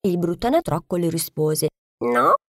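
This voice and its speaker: Expressive woman reading a fairy tale. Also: medium pitch, moderate pace, dry recording, clean studio sound. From Italy. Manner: expressive, gentle storytelling. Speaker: storyteller.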